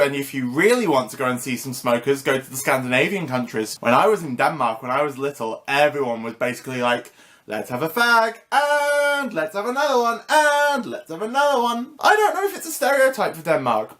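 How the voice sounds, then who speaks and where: A man's voice: on the high side, a bit bright. Cheeky sarcastic British vlogger man. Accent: British English. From Britain. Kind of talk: casual chat to camera.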